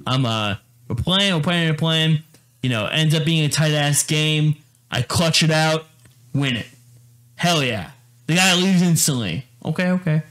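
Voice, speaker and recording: Young men at a microphone chat for a podcast. He is a co-host with a slightly high voice, telling an animated story, repeating words and putting on quick voices for other people.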